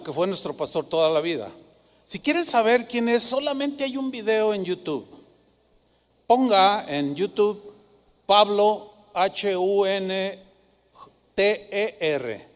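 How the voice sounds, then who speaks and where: High-voiced pastor preaching. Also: male voice, takes it slowly, long pauses. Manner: lively storytelling with rhetorical questions. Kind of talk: sermon. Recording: long hall reverb.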